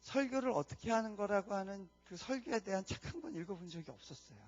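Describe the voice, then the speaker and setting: A man's voice: high-pitched, animated, fast talker, lo-fi sound. A man who is a missionary, preaching a testimony sermon in an earnest storytelling way. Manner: earnest storytelling, drops to hushed tones for prayers. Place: church conference hall.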